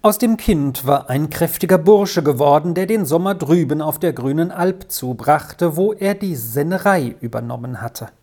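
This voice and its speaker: A woman narrating a storybook in a calm, measured way. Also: deep voice. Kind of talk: storybook reading.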